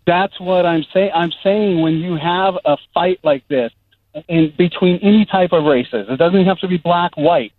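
A man's voice: high voice, unhurried, slight background noise. A man in his forties calling in to a radio show, defensively protesting and stumbling over his words. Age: 40s. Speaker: caller. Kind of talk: heated phone-in argument. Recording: tinny phone line.

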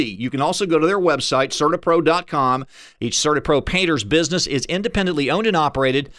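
A man's voice: fairly high pitch, fairly bright tone, dry recording, clean studio sound. A man reading a personal endorsement radio ad in a conversational, recommending way.

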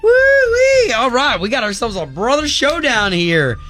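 An American man hosting a morning radio show with excitable, lively banter. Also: high-pitched, normal speed, faint music behind. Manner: excitable, with whoops. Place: radio studio.

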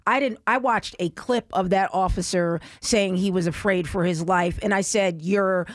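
A radio co-host speaking bluntly and emphatically, sometimes halting and restarting mid-thought. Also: mid-range voice, no echo, clean studio sound. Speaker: radio talk show co-host. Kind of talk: talk radio discussion. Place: radio studio.

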